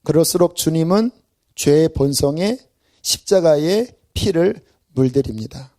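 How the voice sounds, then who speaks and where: A man's voice: fairly high pitch, unhurried. A male pastor giving a Friday evening sermon in a church, acting out everyday scenes with self-deprecating humor. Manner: animated, acts out everyday scenes. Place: church sanctuary.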